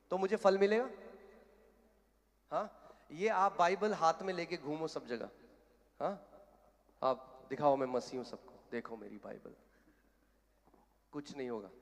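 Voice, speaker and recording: A man from India preaching a sermon as a pastor, talking bluntly and directly and rising to fervent shouts. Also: a little high. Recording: long hall reverb.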